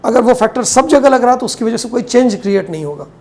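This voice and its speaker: A woman teaching chemistry in a classroom lecture. She explains step by step, asks questions and answers them herself, and slows down to dictate notes, mixing Hindi with English terms. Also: fairly high pitch, expressive, darkish tone. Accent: Hindi-English mix.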